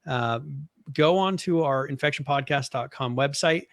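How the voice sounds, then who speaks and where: A man from the American Northwest co-hosting a podcast in casual chat, talking in a relaxed, rambling way with lots of fillers. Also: fairly high pitch, moderate pace, dry recording, clean studio sound. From Boise, Idaho area of the US. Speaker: podcast co-host.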